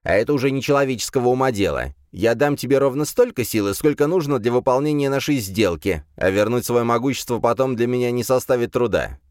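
Man doing a haughty ancient demon lord, raised pitch, loud, swooping delivery, dry close sound. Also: expressive, fast talker, hardly any pauses, dry recording, natural voice. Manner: haughty, commanding, scornful. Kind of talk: audiobook character voice.

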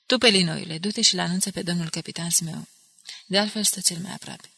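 A woman's voice: fairly low pitch, steady tone, creaky, sharp tone, slightly rough, exaggerated voice. A woman voicing a resolute young male soldier who takes command and gives firm orders.

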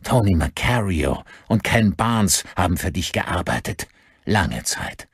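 A man voicing a cold, vengeful older man who speaks slowly and deliberately in an audiobook. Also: low voice, expressive, gravelly, husky, dry recording, heavily acted. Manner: slow, deliberate, icy.

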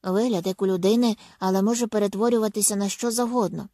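A man's voice: high voice, fairly even intonation, quick pace, mellow. A woman voicing an impatient man in charge who speaks brusquely and insistently, in an audiobook reading.

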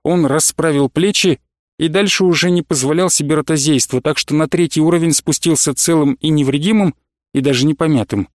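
A man narrating a novel in a steady, even storytelling manner. His voice sits somewhat high for a man, and the recording is dry and close with no room sound. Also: a little fast, dry recording. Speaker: audiobook narrator. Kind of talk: scripted narration.

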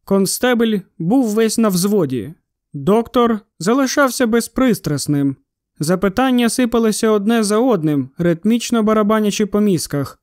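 A man narrates an audiobook in a steady storytelling manner. His voice is high and smooth, and it sits right on a close microphone in a dry, dead space. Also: moderate pace, no room sound. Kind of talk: scripted narration.

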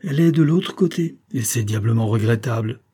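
A man's voice: mid-range voice, animated, a little fast, mellow. A man voicing an irritable middle-aged neurologist who grumbles and snaps in a storybook reading. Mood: gruff, exasperated. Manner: gruff, grumbling, exasperated.

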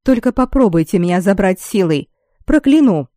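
A woman's voice: lowish voice, lively intonation, normal speed, warm tone, no room sound, clean studio sound, lightly acted. A woman reader voicing a proud, defiant young noblewoman who answers back sharply and with sarcasm.

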